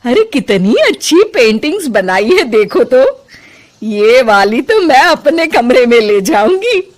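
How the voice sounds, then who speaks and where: Cartoon mother-in-law, motherly and loud, lively pitch, voiced by a woman. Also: slow, exaggerated voice. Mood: worried, proud. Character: kindly older mother-in-law, warm and proud.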